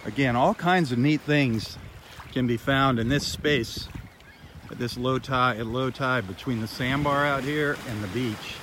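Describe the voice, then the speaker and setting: A man hosts a live walk on a beach sandbar, narrating a casual nature vlog in an easygoing, chatty, marveling way. His voice is medium-pitched, unhurried and fairly bright. He records on a handheld phone camera, so the outdoor audio is noisy with lapping water.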